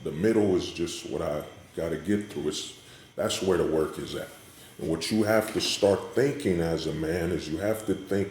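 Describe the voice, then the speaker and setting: Low-voiced man monologuing in an echoey hallway. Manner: emphatic, repetitive rhetorical check-ins with the listener. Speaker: vlogger giving commentary. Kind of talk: unscripted opinionated monologue. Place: indoors in a hallway. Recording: echoey hallway, faint background noise.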